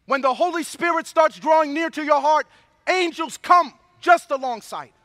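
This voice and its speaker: A man's voice: very high voice, moderate pace, bright, forceful tone, dry recording, studio quality. A man preaching a sermon, a father who mixes impassioned preaching with personal stories. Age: adult father of young children. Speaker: pastor.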